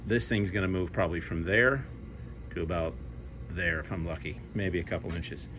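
A man's voice: low voice, moderate pace, a bit bright, a little hiss or hum. A middle-aged man in casual narration of his work in a garage, thinking aloud as he explains each step. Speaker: hobby car restorer. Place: garage workshop.

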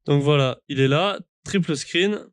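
A man's voice: fairly high pitch, a little slow, no echo. A man walks through a game setup in a casual tutorial, rambling with many fillers and restarts into a desk microphone at his home gaming setup. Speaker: sim racing YouTuber. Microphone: studio microphone at a desk.

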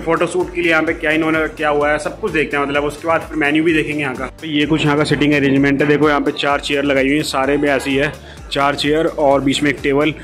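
In this casual walkthrough vlog, a man with a fairly high, fairly bright voice tours a dog cafe that has both indoor and outdoor seating. Filming on his phone, he chats and explains as he walks, leaning heavily on filler.

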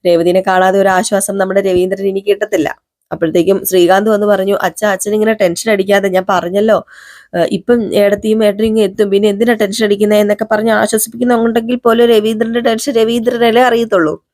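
A woman's voice: mid-range voice, flat delivery, fast talker, darkish tone, no echo, clean studio sound. A woman casually recapping a TV serial episode, chatty and quoting the characters in her own voice. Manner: chatty, quotes characters in her own voice, frequent "ട്ടോ" fillers.

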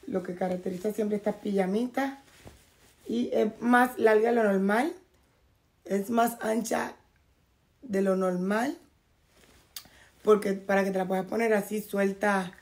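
A woman going hoarse, chatting casually to her viewers at home while unboxing and showing off clothes from a package. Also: mid-range voice, darkish tone. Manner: chatty, talks straight to viewers. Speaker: fashion vlogger. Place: at home, in a bathrobe.

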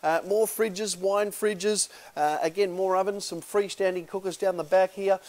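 A man's voice: high voice, steady tone, moderate pace, darkish tone. A man in his thirties with an Australian accent, an auctioneer giving a casual, upbeat sales walkthrough of a large indoor warehouse, with lots of filler "uh"s.

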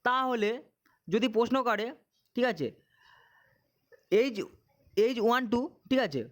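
A man's voice: very high-pitched, animated, unhurried. A man teaching an exam-prep lesson, drilling questions and answers and repeating himself to check students follow.

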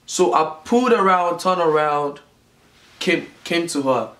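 A Nigerian man in his twenties, a vlogger, sits at home in a small room and tells a casual storytime tale directly to a closely framed camera. His voice is slightly high for a man, and his pace is measured. He's animated, gestures a lot, and repeats phrases to drive his points home.

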